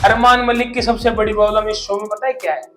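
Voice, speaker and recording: A man's voice: high voice, level tone, fast talker, music in the background. A man hosting a roast video, delivering mocking, scornful commentary in punchy bursts. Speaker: YouTube roast host. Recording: roomy echoey recording.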